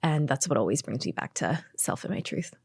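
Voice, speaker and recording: Woman, 30s, from Hong Kong; low, calm, earnest guest; dry recording. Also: a little fast, slightly rough, dry recording. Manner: calm, earnest, many soft fillers. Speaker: guest, Chinese medicine practitioner. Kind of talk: conversational interview.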